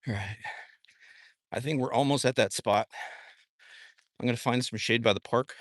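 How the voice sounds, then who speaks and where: A man's voice: mid-range voice, moderate pace, dry recording, clean studio sound. A laid-back man with a Southwestern American accent, chatting casually during a live stream while walking outdoors and joking about his own mistakes. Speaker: livestream host. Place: outdoors, walking in a dry wash.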